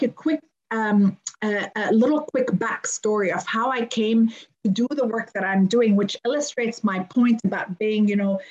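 A Lebanese-accented conflict resolution coach in her fifties joins a podcast interview as a guest, describing her work earnestly and repeating phrases to stress them. She has a mid-range voice with a darkish tone, captured in a low-quality recording.

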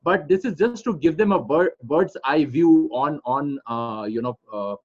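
A man's voice: on the high side, expressive, measured pace, a little mellow. A man with an Indian accent explaining things as a coach in an interview, repeating phrases for emphasis. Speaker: trading coach being interviewed. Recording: dull, lo-fi audio.

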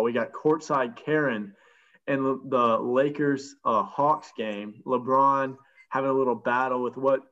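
A man's voice: medium pitch, fairly bright tone, dull audio. A man hosting a sports podcast in casual chat, leading the talk and tossing questions to his guests. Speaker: podcast host.

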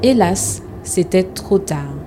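A woman reading a children's story aloud in a calm, measured storytelling manner. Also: lowish voice, very noisy.

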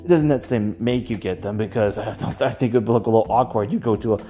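Over background music, a podcast host muses informally about games and audio drama in a medium-pitched voice. Thinking out loud, the host hesitates, lets sentences trail off, and corrects themselves often.

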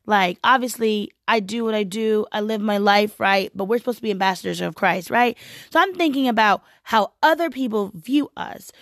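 A woman's voice: medium pitch, moderate pace, dry recording, studio quality. A woman talking casually and heartfeltly about faith and church, often saying "like" and "right?". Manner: heartfelt, animated, frequent "like" and "right?".

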